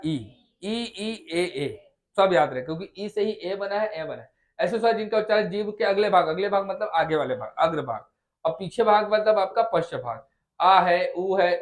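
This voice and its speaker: A man with a Chhattisgarh Hindi accent teaching a class in a fairly high voice. He sounds out each vowel again and again. He keeps coaxing his students and asking whether they have understood. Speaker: Hindi tutor. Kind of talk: classroom lesson.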